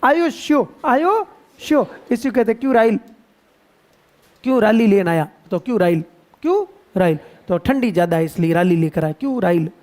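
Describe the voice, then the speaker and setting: A man with a Rajasthani Hindi accent teaching geography to a class, playful and quizzing students with drawn-out repetitions. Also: sits high, lively intonation, mellow. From India. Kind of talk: classroom lecture.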